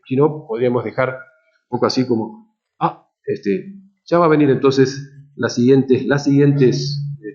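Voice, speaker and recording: Priest, lively higher voice, informal lecturing with restarts, muffled lo-fi audio. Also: male voice. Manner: conversational, many restarts and tag questions, emphatic on key words. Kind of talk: spoken moral lecture to a congregation. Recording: dull lo-fi lecture recording.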